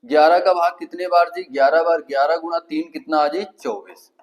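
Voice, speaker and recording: A man's voice: on the high side, steady tone, a little fast, lo-fi sound. A man with a Kanpuri Hindi accent teaching an exam-prep math lesson, asking the class questions and answering them himself step by step.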